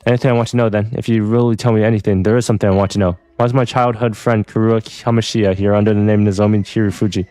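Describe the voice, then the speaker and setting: A man's voice: fairly low pitch, fairly even intonation, racing, few pauses, dark tone, no echo, faint music behind, close to an everyday voice. A man voicing a flustered young male student protagonist in a game, exasperated and incredulous.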